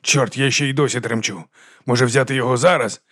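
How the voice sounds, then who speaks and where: A man puts on a jumpy male police officer in an audiobook thriller, rattled and quick to curse. The voice stays close to a plain mid-pitched reading voice, recorded dry and close. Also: steady tone, a bit bright, no room sound, lightly acted. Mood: shaken.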